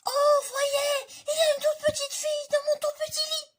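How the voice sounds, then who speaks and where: A woman reading a storybook and voicing a tiny, kind young bear in a loud, squeaky, very high voice. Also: completely flat delivery, moderate pace. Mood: shrill.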